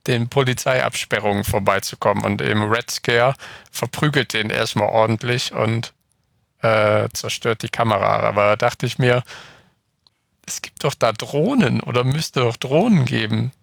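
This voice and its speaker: A man talking casually with friends, recapping an episode and pausing often with fillers. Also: medium pitch, creaky, fairly bright tone, no echo, studio quality. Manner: hesitant, restarts with fillers.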